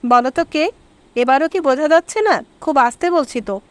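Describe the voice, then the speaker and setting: Brief: teasing young wife in an audiobook, high and coaxing, read by a woman. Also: expressive, normal speed, dry recording. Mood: playful.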